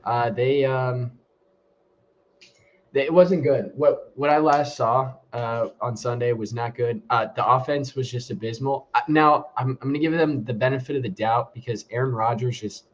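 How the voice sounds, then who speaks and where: A man's voice: medium pitch, normal speed. Man sounding inside a fishbowl. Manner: laid-back, many fillers and restarts. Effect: muffled, hollow sound, like talking inside a fishbowl. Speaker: podcast co-host. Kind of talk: casual sports podcast chat. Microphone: computer mic after headset died. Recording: muffled lo-fi call audio.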